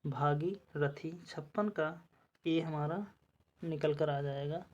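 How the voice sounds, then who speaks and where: A woman teacher with a low, mellow voice talks through exam spelling questions at an unhurried pace. She repeats each word as she checks it, moving methodically from option to option. The recording is slightly dull and lo-fi. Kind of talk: explaining spelling quiz answers.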